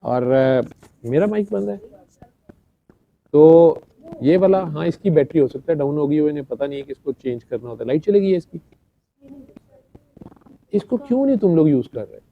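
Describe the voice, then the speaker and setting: Speaking to a gathering, a middle-aged man tells a chatty anecdote, acting out the dialogue and laughing between lines. His gravelly voice sits on the high side and is animated, at a moderate pace. The recording has a dull, lo-fi sound.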